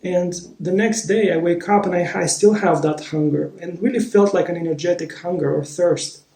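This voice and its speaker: A vlogger whose first language is Romanian tells a personal story in a thoughtful, unhurried way, often pausing as he searches for the right word. His voice sits a little high yet sounds soft and mellow, and the room rings with roomy echo.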